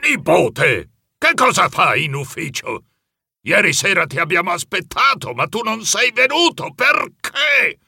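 A man voicing a stern old grandfather mouse who scolds in a booming, raspy voice. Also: very animated, unhurried, bright, forceful tone, exaggerated voice. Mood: scolding. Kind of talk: audiobook character voice.

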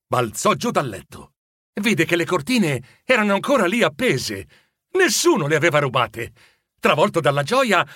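A man narrating a children's storybook in an expressive, animated way. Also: a little high, no echo, studio quality. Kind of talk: storybook reading.

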